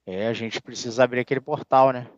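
A man co-hosting a casual gameplay livestream, slangy and relaxed, thanking viewers. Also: medium pitch, fast talker, dry recording, highs cut off. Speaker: streamer, co-host.

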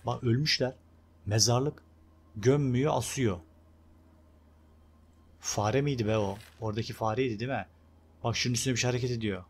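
A young man casually commenting on his own gameplay, chatty and excitable, talking to his viewers and urging on the game character. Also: mid-range voice, fairly quick, long pauses, breathy edge. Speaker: gameplay video host. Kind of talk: casual let's-play commentary.

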